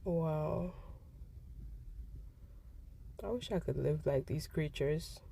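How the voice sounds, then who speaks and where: A woman's voice: sits low, a little slow, creaky, mellow, breathy edge. A woman giving casual, admiring running commentary on wildlife, playfully talking to the animals as she watches. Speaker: amateur nature observer. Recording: noticeable ambient background noise.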